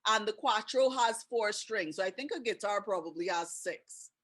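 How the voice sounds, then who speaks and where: A webinar host with a Trinidadian accent chats with her guests over a video call, asking them questions and laughing often. Her mid-range voice is fairly bright with a breathy edge, and she speaks at a moderate pace.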